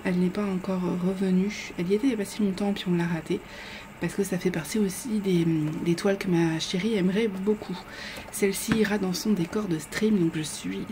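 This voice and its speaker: A woman's voice: fairly low pitch, background noise. A woman vlogger chatting casually while unboxing, rambling with frequent hesitations.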